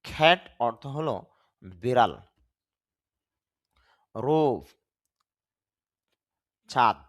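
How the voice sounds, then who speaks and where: A man whose first language is Bengali, teaching an English lesson and slowly spelling out words and sounds. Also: medium pitch, lively intonation. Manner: spells out letters and drawn-out pronunciations, stressing syllables.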